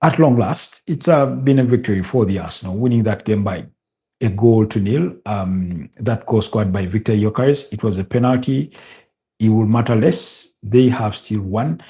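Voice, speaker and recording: An African man hosts a football watch-along, offering live match updates and casual news. He speaks deliberately and hesitantly, repeating phrases. His voice is lowish and mellow.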